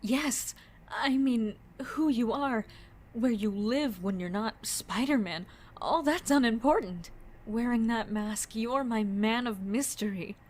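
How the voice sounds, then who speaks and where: A woman's voice: fairly high pitch, takes it slowly, slight background noise. A woman voicing a seductive, willful and playful masked cat burglar with a sultry, theatrical delivery in a comic dub. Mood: seductive, coaxing.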